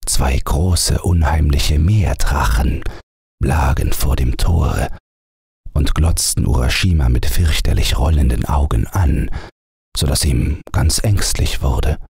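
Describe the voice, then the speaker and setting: A man reading a fairy tale aloud as a calm bedtime audiobook narrator. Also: a bass voice, vocal fry, breathy edge, no echo, clean studio sound. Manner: measured storytelling voice.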